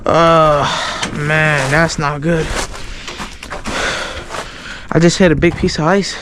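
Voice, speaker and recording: Out of breath guy vlogging outside in the snow, kinda high voice, rambles, noisy background. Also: steady tone, slow. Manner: rambling, self-interrupting. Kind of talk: casual vlog outdoors. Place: outdoors in snow.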